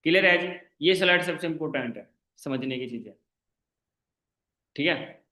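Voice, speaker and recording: A man runs an online class as a sales trainer, pressing his listeners with rhetorical questions and checking again and again that they follow. His voice sits a little high. The sound is roomy and echoey, like an online call from a bare room. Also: normal speed, bright, forceful tone. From India. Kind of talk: persuasive sales pitch.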